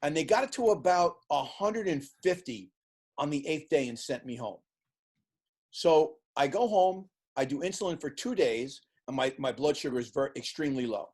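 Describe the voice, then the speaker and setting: A man in his sixties, an interview guest who tells lively stories and acts out the voices of the people in them. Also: on the high side, normal speed, husky. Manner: animated storyteller acting out quoted voices. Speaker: interview guest, sports team executive. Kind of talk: casual storytelling in an interview.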